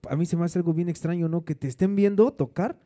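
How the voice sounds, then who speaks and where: A man's voice: a little high, fast talker, warm tone. A man hosting a casual interview, chatty, slangy and encouraging. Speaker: interview host.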